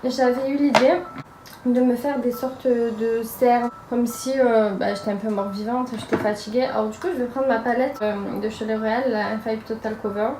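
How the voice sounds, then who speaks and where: A woman's voice: fairly high pitch, fairly even intonation, normal speed, noisy background. A young woman from France narrating a casual makeup tutorial, chatty and hesitant with frequent fillers, in a room at home. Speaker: makeup vlogger. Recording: roomy echo with music behind.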